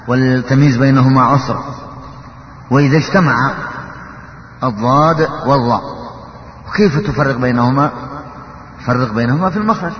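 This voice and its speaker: A man teaching Quran recitation, explaining how letters are articulated and slipping into slow chanted verses. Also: mid-range voice, slight background noise. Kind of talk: tajwid lesson. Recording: echoey hall, dull lo-fi sound.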